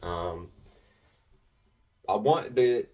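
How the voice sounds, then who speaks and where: A teenage boy telling a rambling, animated story about playing an online game, with lots of filler words and restarts. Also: fairly low pitch, very slow, recorded from a distance, dull audio. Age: teens. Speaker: gaming video creator. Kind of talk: casual storytelling commentary.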